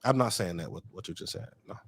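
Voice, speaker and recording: Relaxed man hosting, dry sound. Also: fairly low pitch, fast talker, slightly rough, dry recording. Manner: relaxed, storytelling, yields the floor. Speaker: radio show host. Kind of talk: casual chat.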